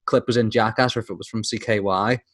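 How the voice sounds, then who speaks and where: Man, lowish voice, podcast co-host, casual chat, swears, acts out voices. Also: fairly even intonation, fast talker, a bit bright.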